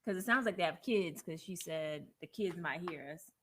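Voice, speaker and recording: A woman co-hosting a casual relationship advice chat, playful and quick to laugh as she acts out everyday examples. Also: fairly low pitch, a bit bright, a little hiss or hum.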